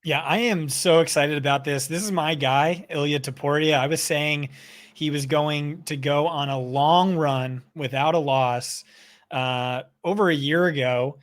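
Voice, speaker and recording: A man co-hosts a casual sports podcast, speaking enthusiastically with plenty of fillers. His voice sits fairly high. The sound is close and dry. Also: measured pace, no echo. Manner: enthusiastic, teasing, filler-heavy. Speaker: podcast co-host.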